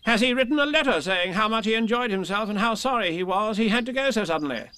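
A man voicing a bossy, self-important rabbit from a storybook, with brisk, pompous emphasis. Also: high voice, animated, bright, forceful tone, clear, resonant tone, voice pushed up. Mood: indignant.

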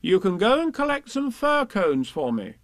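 A man's voice: high-pitched, huge pitch swings, moderate pace, a bit bright, no echo, studio quality, pitched above the performer's own voice, heavily acted. Man putting on a motherly, no-nonsense storybook kangaroo. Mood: firm. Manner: coaxing, no-nonsense, maternal. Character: motherly, firm, kindly female storybook kangaroo.

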